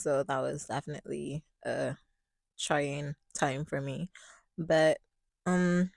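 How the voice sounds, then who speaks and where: Panelist, young woman from Barbados, low gravelly voice, measured and hesitant. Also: dry recording, studio quality. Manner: measured, hesitant, with many ums. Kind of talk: casual panel talk.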